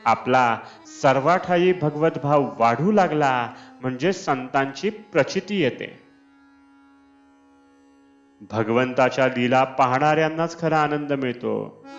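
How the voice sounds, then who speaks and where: A man reads a scripted devotional discourse slowly and deliberately, his medium-pitched voice carrying lively intonation. The recording is dull and lo-fi, with Indian classical instrumental music behind him.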